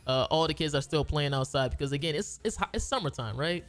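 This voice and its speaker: A man with a fairly high voice tells a story in a loose, rambling way. He restarts his sentences and uses a lot of slang. Soft music plays quietly behind him. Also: lively intonation, fast. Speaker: gaming video creator. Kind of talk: casual storytelling.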